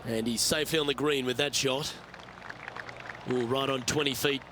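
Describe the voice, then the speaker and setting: A man calling golf shots as a play-by-play commentator in a calm, measured manner. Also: medium pitch, background noise. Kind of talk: prerecorded video game sports commentary.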